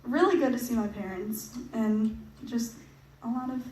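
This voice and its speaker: A woman's voice: fairly high pitch, moderate pace, mellow. A young woman giving a casual, chatty talk to a church audience about her mission trip. She laughs often and leans on fillers. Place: church hall. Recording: echoey hall, picked up from a distance, faint noise.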